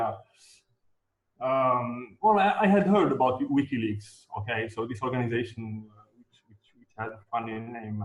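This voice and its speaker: A man from Algeria, an activist guest speaking in a live online interview, halting with many fillers and repeated words. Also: mid-range voice. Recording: echoey, dull lo-fi remote audio.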